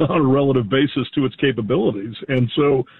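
A man from the United States calling in to a radio show, earnest and halting, often restarting his sentences. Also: mid-range voice, breathy edge, no echo. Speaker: caller. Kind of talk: phone-in call. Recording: tinny phone line.

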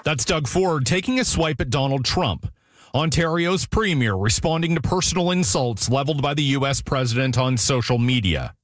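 A man filing a scripted radio news report in a crisp, authoritative way. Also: medium pitch, expressive, moderate pace, no echo.

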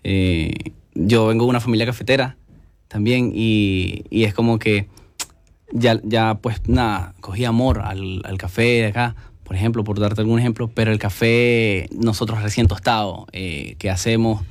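A man's voice: lowish voice, steady tone, normal speed, no room sound. Young Venezuelan man, earnest and dry. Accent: Venezuelan Spanish. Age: young adult. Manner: warm, earnest, fills with "este" and repeats words. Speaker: musician and guest. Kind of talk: casual interview chat.

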